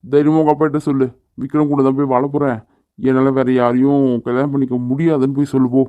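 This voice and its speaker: A man's voice: mid-range voice, flat delivery, quick pace, dry recording, close to an everyday voice. A man voicing a brash young husband who is blunt and teasing but protective of his wife, in a cartoon. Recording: dry, phone-like narrow sound.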